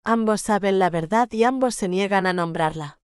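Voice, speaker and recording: A woman's voice: mid-range voice, moderate pace, smooth, no room sound, clean studio sound, natural voice. A woman reading the part of a young bride in love, playful and frank in her speech. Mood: resolute. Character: young English bride, spirited and loving.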